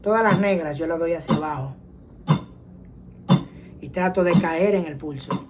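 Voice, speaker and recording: A woman teaching a guitar lesson, explaining calmly step by step and counting rhythms out loud. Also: sits low, moderate pace, slight background noise, poor audio. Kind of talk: casual music lesson. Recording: guitar and metronome playing behind. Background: guitar playing and metronome clicks.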